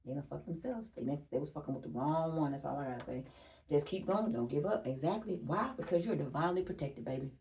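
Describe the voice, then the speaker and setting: This is a young woman talking through a spiritual energy reading in a chatty, emphatic way, repeating herself for stress and swearing freely. Her voice sits slightly low with a mellow, dark tone. She is heard a little away from the microphone. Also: animated, fast talker, recorded from a distance, slight background noise. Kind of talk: casual tarot-style energy reading.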